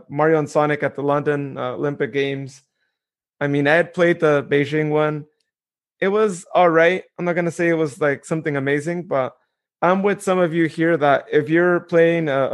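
A man co-hosting a podcast with a fairly high voice. He rambles along casually with lots of fillers and restarts, building his points slowly. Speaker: podcast co-host.

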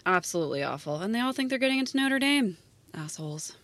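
In a naturalistic audio drama, an American actress plays a jaded, sarcastic high school teacher with a blunt, deadpan delivery. She speaks quickly, and there's no echo.

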